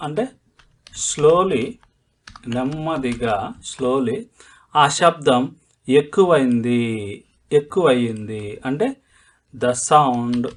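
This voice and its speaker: A man with a Telugu accent teaching a language lesson, explaining each word and repeating phrases as he dictates them. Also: mid-range voice. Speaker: English teacher. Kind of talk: slow step-by-step language lesson.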